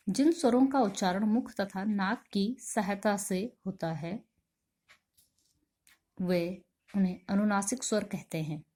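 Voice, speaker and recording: A woman teaching a Hindi grammar lesson, who asks her students questions and answers them herself and says each example sound slowly and carefully. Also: medium pitch, a little mellow. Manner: slow, deliberate pronunciation of sounds and examples.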